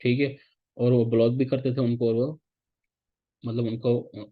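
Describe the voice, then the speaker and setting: A man's voice: mid-range voice, flat delivery, unhurried. Man teaching casually. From Pakistan. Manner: casual, repetitive teaching, often checks in with "theek hai". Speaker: instructor. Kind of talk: recorded lecture. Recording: slightly dull, lo-fi audio.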